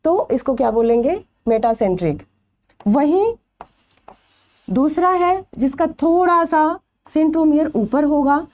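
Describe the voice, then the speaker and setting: A woman's voice: sits high, expressive, measured pace, a little mellow. A woman teaching a biology exam-prep lecture. She asks questions and answers them herself, stretching out the key terms.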